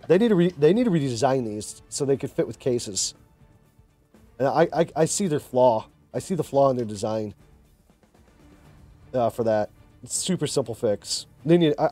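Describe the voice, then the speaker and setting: A man live-streaming a mobile shooter, chatting casually and excitedly urging his viewers, often repeating himself. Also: mid-range voice.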